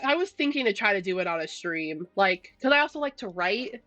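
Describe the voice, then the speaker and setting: A woman's voice: medium pitch, animated, brisk, pushed and bright, no room sound, highs cut off. A young woman streaming a game, telling stories in casual rambling chat with lots of fillers and restarts. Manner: chatty storytelling, many fillers and restarts, laughs often.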